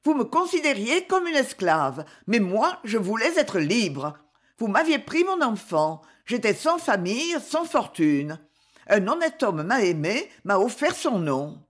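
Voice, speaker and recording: A young widow in terror and revolt, as a woman narrator acts her out, her voice pitched high, hoarse and trembling. She cries out her lines with raw desperation, the sound of a dramatic audiobook scene. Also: sing-song, measured pace. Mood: desperate.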